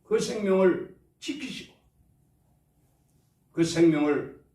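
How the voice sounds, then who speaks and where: A man's voice: high-pitched, lively intonation, takes it slowly, mellow. A man preaching a Sunday sermon as pastor, drawing responses from his congregation. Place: church sanctuary. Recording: echoey church hall, mic at a distance.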